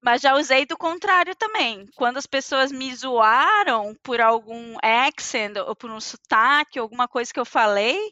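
A woman from southern Brazil, a podcast guest telling stories in a lively way and acting out the voices in them. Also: on the high side, measured pace, few pauses, no echo, dull audio. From Rio Grande do Sul, southern Brazil. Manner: lively storyteller, mimics voices and mixes in English. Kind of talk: casual chat.

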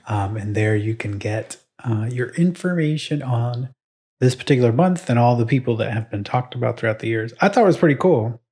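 Husky-voiced young man hosting a podcast. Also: medium pitch, animated, brisk, a little mellow. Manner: playful quiz-master banter. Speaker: podcast co-host. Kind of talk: casual chat.

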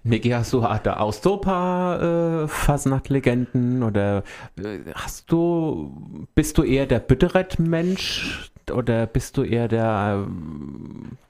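A man hosting a chat show, asking the guest questions in loose, relaxed phrasing. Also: medium pitch, slow pace, gravelly, hardly any pauses. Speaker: host. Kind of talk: casual chat.

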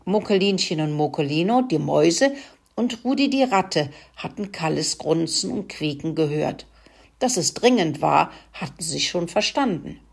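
Slow, low-voiced woman reading a story. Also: creaky, breathy edge.

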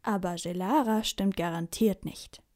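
A woman voicing a gentle, wise little Sandman in a children's story reading, calm and softly amused. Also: sits high, unhurried. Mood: kindly.

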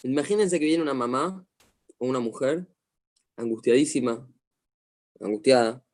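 A middle-aged man with an Argentine accent, a psychologist teaching a class over a video call, telling stories in a lively way and asking questions. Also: medium pitch, moderate pace. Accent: Argentine Spanish. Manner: animated storyteller, asks the class questions. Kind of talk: online lecture to a class.

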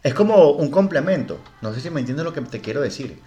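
A man's voice: a little high, expressive, fairly quick, mellow. A man co-hosting a comedy podcast, joking around in crude, teasing banter. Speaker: podcast co-host.

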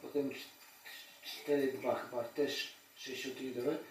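A man co-hosting a casual podcast chat, animated and quizzing the others. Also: mid-range voice, measured pace, slight background noise. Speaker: podcast co-host. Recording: echoey room, far from mic.

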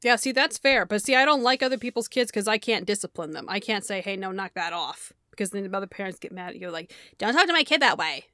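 A woman's voice: mid-range voice, quick pace, few pauses, fairly bright tone, no room sound, studio quality. A woman co-hosting a casual podcast chat, who laughs often, swears freely and acts out the voices of people she quotes. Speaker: podcast co-host.

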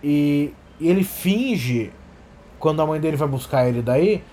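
High-voiced animated man. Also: unhurried, a little hiss or hum. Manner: animated, profane, acts out scenes. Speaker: podcast talker. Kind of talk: casual comedic storytelling.

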